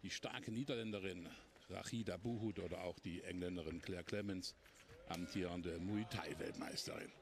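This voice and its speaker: A man's voice: sits low, steady tone, normal speed. A man giving live commentary on a fight as a television sports commentator. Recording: clear arena noise behind commentary.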